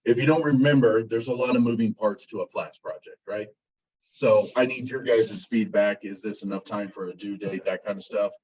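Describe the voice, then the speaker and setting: A male college instructor giving a casual classroom lecture, relaxed and self-described as monotone. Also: fairly low pitch, moderate pace, breathy edge. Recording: muffled, distant classroom recording.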